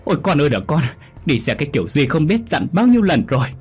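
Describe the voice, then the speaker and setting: A man voicing a distraught elderly mother who frets and scolds her grown son in a high, lamenting voice. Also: brisk, dark tone, breathy edge. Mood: tearful scolding. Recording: faint music underneath.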